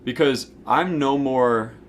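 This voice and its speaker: In an unhurried, medium-pitched voice, a man in his forties teaches informally to camera as host of a spiritual self-help series. He sounds conversational and emphatic, checking in with whoever is listening, and a little background noise is audible.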